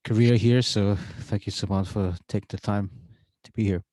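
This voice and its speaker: A man's voice: lowish voice, steady tone, normal speed, warm tone, no room sound. Hesitant man hosting a podcast, dry sound. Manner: hesitant, many uh fillers. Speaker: podcast host. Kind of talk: casual interview. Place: university setting.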